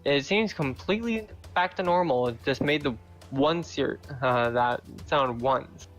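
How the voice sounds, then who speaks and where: A man running a tabletop game as game master, narrating calmly in a measured way. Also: medium pitch, soft background music. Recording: dull lo-fi mic.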